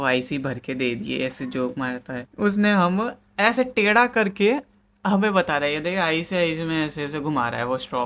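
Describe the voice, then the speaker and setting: A young man with a slightly high voice tells a storytime on his channel. He speaks in a loose, casual vlog style, animated and laughing as he goes. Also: slight background noise. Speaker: YouTuber.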